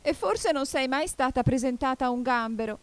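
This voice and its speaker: The Mock Turtle, as a woman reader puts it on, a weepy, mournful sea creature with a much higher, strained voice than her own and a strange, altered tone. It swings between tearful sighs and shrill excitement in an audiobook telling. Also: moderate pace. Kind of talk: audiobook character voice.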